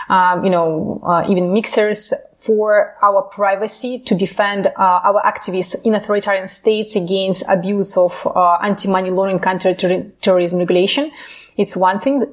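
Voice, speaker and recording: A woman from Ukraine, a human rights advocate answering interview questions earnestly in phrasing with frequent fillers. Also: mid-range voice.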